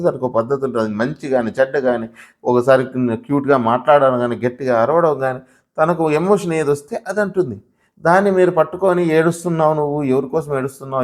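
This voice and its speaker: A man, his voice sitting a little high, talks through a show review in loose, animated commentary. He keeps pressing his point with rhetorical questions. He speaks straight to his viewers as "sir". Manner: addresses viewers directly as sir. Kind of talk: casual spoken commentary.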